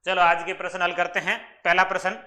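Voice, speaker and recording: A man's voice: high-pitched, level tone, brisk, pushed and bright. A male maths teacher explaining exam questions step by step, asking questions and answering them himself. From Rajasthan, India. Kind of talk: exam-prep maths lesson.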